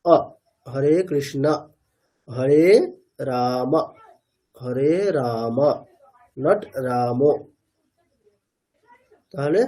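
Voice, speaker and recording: Bengali man as a classroom teacher, patient and repetitive, higher voice with a warm, mellow tone. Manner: patient, explains slowly with repeated examples. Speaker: Sanskrit chanting teacher. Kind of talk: classroom lesson.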